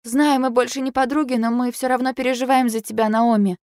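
A woman's voice: on the high side, fairly even intonation, fairly quick, a little mellow, no room sound, clean studio sound, voice pushed up, close to an everyday voice. A woman reading an audiobook, voicing a young woman who pleads tearfully and stammers. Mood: pleading, tearful.

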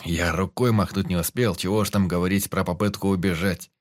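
A man voicing a hot-tempered wounded male fighter who shouts and boasts in a hoarse voice, read in an audiobook. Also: sits low, steady tone, brisk, dry recording, clean studio sound, close to an everyday voice. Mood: boastful. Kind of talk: audiobook character reading.

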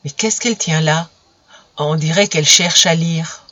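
A man's voice: fairly high pitch, measured pace, sharp tone, no room sound, lo-fi sound. A narrator voicing a young male politician who answers with glib, teasing composure in an audiobook. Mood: flustered. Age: young adult. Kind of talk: audiobook character voice.

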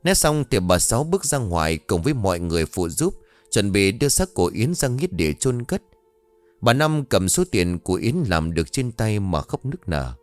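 A man narrating a horror story in a measured, expressive storytelling voice. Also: lowish voice, dry recording. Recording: dry studio voice-over with faint music.

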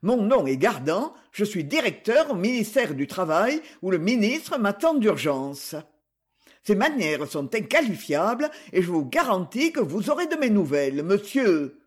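A man's voice: high-pitched, sing-song, measured pace, full character voice. A man reading an audiobook, voicing an indignant, pompous male government official who blusters at a police officer.

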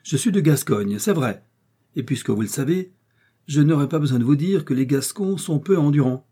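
A man reading an audiobook, voicing a young male Gascon swordsman, proud and quick to take offense. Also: mid-range voice, animated, warm tone, slightly rough. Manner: touchy, proud, defiant.

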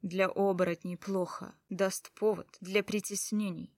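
A woman's voice: medium pitch, little pitch movement, a little slow, no room sound, studio quality, lightly acted. A woman voicing a dying elf man, breathless. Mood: weak, breathless. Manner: faint, struggling for breath. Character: dying young male elf, weak and breathless.

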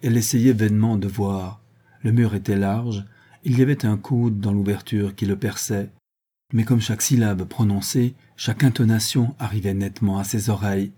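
A man reads a classic novel aloud at a measured, even pace. His voice is very dark and mellow, with a husky, breathy edge. The delivery stays steady and literary throughout. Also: fairly low pitch. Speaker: audiobook narrator. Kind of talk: scripted novel narration.

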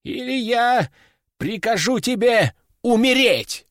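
A man's voice: very high voice, animated, takes it slowly, fairly bright tone, no room sound, clean studio sound, voice pushed up, exaggerated voice. A man voicing a stern, domineering old male sorcerer in an audiobook, giving harsh orders. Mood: angry. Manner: commanding and harsh. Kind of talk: audiobook character voice.

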